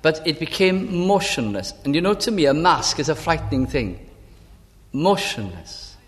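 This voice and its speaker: A man preaching a sermon, telling a personal story slowly and deliberately. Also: on the high side, sing-song. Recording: long hall reverb.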